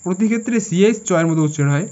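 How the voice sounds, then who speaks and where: A man's voice: high voice, rapid-fire, warm tone, muffled recording. A man with a Bengali accent teaching English pronunciation, spelling out words letter by letter and checking in with "okay?". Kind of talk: explaining lesson to students.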